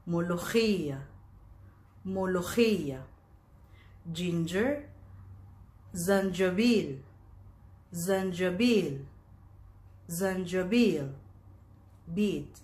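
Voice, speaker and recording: A woman teaching vocabulary, saying each word slowly and repeating it three times. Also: fairly low pitch. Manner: slow, deliberate, drilling words three times. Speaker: language teacher. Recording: echoey room.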